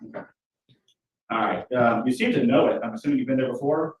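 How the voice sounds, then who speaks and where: In a large indoor courtroom, a male defense attorney cross-examines a witness in a folksy, conversational way. His voice is medium-pitched, a little fast and slightly mellow. The recording is echoey, with the mic far from him.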